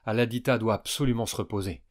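A man's voice: fairly low pitch, steady tone, fast talker, close to an everyday voice. A man voicing a strong, teasing young girl. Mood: worried. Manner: teasing, sarcastic.

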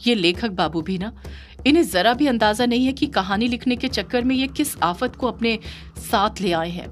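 A woman's voice: a little high, lively intonation, moderate pace, slight background noise, lightly acted. A woman voicing a devoted, defiant female yakshini spirit in an audio horror story, speaking firmly. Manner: firm, defiant.

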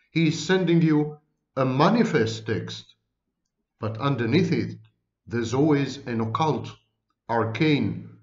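A man with a thick foreign accent lectures on psychology, and his pitch rises and falls widely. He is emphatic and lists words one at a time with pauses between them. The sound is roomy and a little dull, like a lo-fi recording. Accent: foreign accent, non-native English. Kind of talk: lecture to camera.

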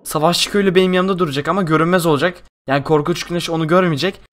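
Young male gaming host, minecraft role-play, high voice, excitable, lots of exclamations. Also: rapid-fire.

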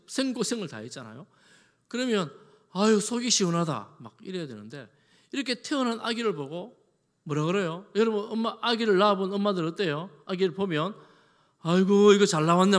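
Male pastor, sermon, chatty rhetorical questions, animated delivery, long church reverb. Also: a little high. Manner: conversational preaching with rhetorical questions to the congregation. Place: church sanctuary.

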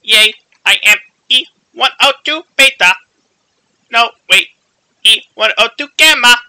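A man's voice: extremely high pitch, a little slow, pushed and bright, full character voice. A man voicing a glitching male combat robot that loops commands and error messages while playing a game. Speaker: let's play commentator. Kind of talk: voicing a game character over gameplay.

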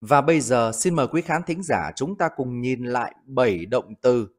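A man teaching English vocabulary, repeating each example sentence slowly for learners. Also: medium pitch, expressive. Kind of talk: vocabulary lesson narration.

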